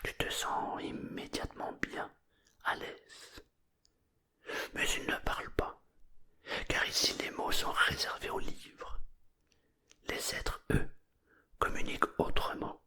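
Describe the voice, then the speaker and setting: Soft, breathy whispering carries a bedtime story from this narrator. Each phrase is followed by a gentle pause, and the overall feel is quiet and soothing.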